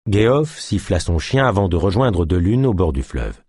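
Husky-voiced man narrating a novel. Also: low voice, moderate pace, dry recording, clean studio sound. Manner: expressive storytelling. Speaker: audiobook narrator.

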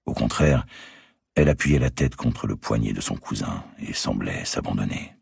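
A male audiobook narrator reading with expressive storytelling. His voice is extremely deep with a gravelly, husky grain, moving lively through its pitch, recorded close and dry. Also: normal speed, no room sound. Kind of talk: scripted narration of a historical novel.

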